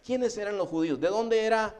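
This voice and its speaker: A middle-aged man delivers a sermon as pastor. His voice sits a bit high. He keeps turning to listeners with "hermano" and acts out quoted people with his voice rising. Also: fairly quick. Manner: animated, often addressing listeners as "hermano".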